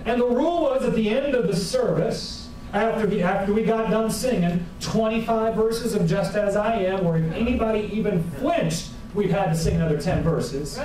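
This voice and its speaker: Ein Pastor in seinen Vierzigern predigt lebhaft und humorvoll. Seine Stimme ist für einen Mann hoch, aufgenommen aus der Ferne in einem stark hallenden Kirchensaal. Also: male voice, high-pitched, moderate pace, few pauses, slight background noise. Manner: folksy, humorous, animated preaching. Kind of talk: sermon with storytelling. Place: church sanctuary with a congregation. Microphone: far camera at the back of the room. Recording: very echoey church hall from far off.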